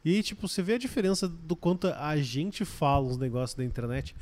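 A man's voice: fairly high pitch, expressive, a little fast, darkish tone. A man with a Brazilian accent chatting informally, with plenty of slang, in a podcast conversation. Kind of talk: casual chat.

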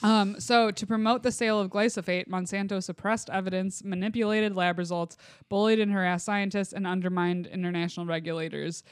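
A podcast co-host with a clean, smooth voice, recorded close and dry. The delivery is informal explanation with a wry, joking streak. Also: medium pitch, fairly even intonation, brisk, no echo. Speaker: podcast co-host presenting research. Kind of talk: casual explanatory talk with joking asides.

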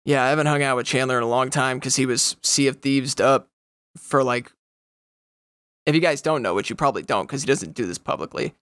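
A young adult podcast co-host chats casually at medium pitch and a fairly quick pace, with no echo. He rambles, swears a lot and breaks into loud, goofy impressions.

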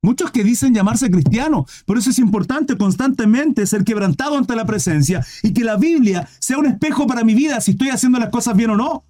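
A man's voice: very high-pitched, animated, brisk, few pauses, warm tone. A man preaching in a livestreamed Bible study, emphatic, with many rhetorical questions, and he keeps calling his listeners "brother".

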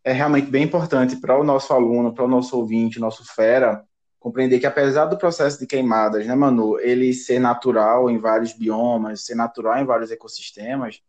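A man's voice: medium pitch, steady tone, a little fast, a little mellow, muffled recording. A man with a Brazilian Portuguese accent, a teacher hosting an educational podcast, explaining in a teacherly way and often ending with tag questions.

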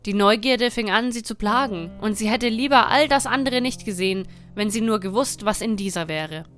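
A woman reading a dark fairy tale aloud in a measured, dramatic storytelling manner. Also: mid-range voice, faint music behind.

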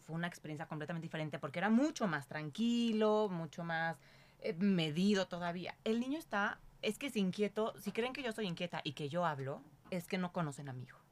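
A woman's voice: lowish voice, expressive, a little fast. A Mexican woman in her thirties tells a story in a casual chat. She talks animatedly, acts out what others said, and drops casual swear words along the way. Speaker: podcast co-host.

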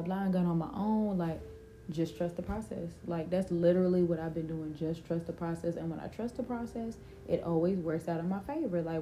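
A woman's voice: fairly low pitch, slight background noise. A young adult woman, hosting a casual faith-centered vlog and chatting animatedly to her viewers. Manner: animated, talks to viewers as "y'all". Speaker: vlogger and podcast host.

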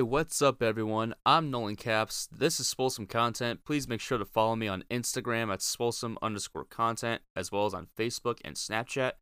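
Male podcaster, lowish smooth voice, informal and blunt, opinionated solo talk, dry closet sound. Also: bright, forceful tone, no room sound. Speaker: podcast host. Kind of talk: casual opinionated podcast monologue. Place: small closet in a home bedroom.

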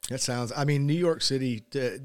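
A man co-hosting a podcast in casual chat, reacting and asking quick questions. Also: medium pitch, smooth, no echo, studio quality. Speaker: podcast co-host.

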